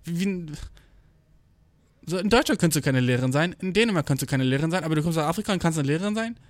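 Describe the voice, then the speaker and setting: A man's voice: fairly high pitch, expressive, fast talker, no echo. A young man in a casual rambling monologue, heavy on slang and swearing. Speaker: vlogger. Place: indoors, travelling abroad.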